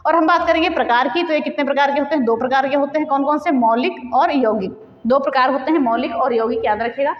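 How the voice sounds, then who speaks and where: High-voiced woman teaching grammar, echoey. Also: racing, few pauses. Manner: repeats examples and asks then answers her own questions; mixes English words into Hindi. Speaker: Hindi teacher. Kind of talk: exam-prep grammar lesson. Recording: echoey, dull recording in a reverberant room.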